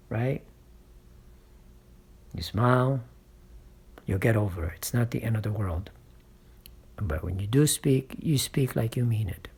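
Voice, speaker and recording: His voice is medium in pitch, creaky, slightly rough, and a little mellow. This channel host and public-speaking coach offers encouraging, motivational guidance based on experience, checking in often with "right?" and "okay?"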